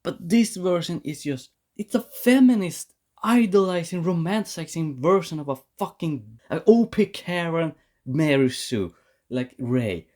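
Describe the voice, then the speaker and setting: A man's voice: on the high side, expressive, unhurried, darkish tone. A man giving a heated, profane rant to camera as a vlogger, often restarting and repeating words. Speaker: vlogger reviewing a series.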